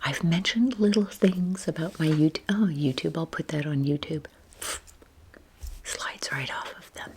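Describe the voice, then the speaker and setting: A YouTube creator in her sixties whispers softly and breathily in a low pitch, rambling informally in a relaxation ASMR style at a measured, unhurried pace. She's self-deprecating, and a little hiss or hum is audible.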